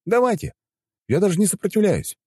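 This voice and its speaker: A man's voice: high voice, very animated, brisk, darkish tone, husky, no room sound, voice pushed up, heavily acted. A man voicing a cocky young male healer mage who teases in a mock-polite tone. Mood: teasing.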